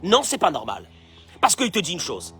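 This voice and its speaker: A man's voice: high-pitched, huge pitch swings, normal speed, creaky, bright, forceful tone, husky, faint music behind. A rabbi giving a Torah lesson with Hebrew quotations, who acts out the complaining voices he describes and keeps asking rhetorical questions. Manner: fond of rhetorical questions and repeating phrases.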